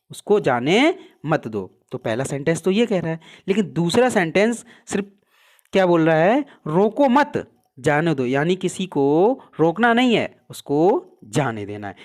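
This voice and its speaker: A man teaching a Hindi grammar class for exam prep. He asks questions and answers them himself, and his voice drops low and soft at the ends of answers.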